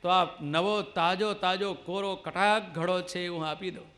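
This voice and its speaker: A man's voice: high voice, steady tone, a little slow, sharp tone. A man voicing a humble male farmer who speaks respectfully and devoutly. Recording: clear devotional music with tabla behind.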